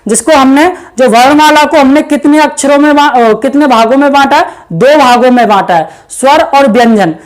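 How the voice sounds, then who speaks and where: Woman, high-pitched, teacher, exam-prep lesson, step-by-step explaining, repeated fillers. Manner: addresses viewers as friends. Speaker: Hindi grammar teacher.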